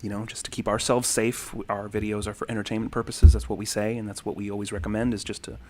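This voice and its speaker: On the low side and flat, this man talks fast, his voice a little mellow, with some hiss or hum in the recording. He's a thirties-aged livestream host who rambles warmly over comments, saying um and thank you often.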